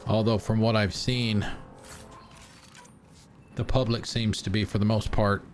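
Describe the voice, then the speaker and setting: A man's voice: lowish voice, flat delivery, a little slow, soft background music. Rambling man chatting over gameplay. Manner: rambling, hesitant, many fillers. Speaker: streamer. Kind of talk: casual gameplay chat.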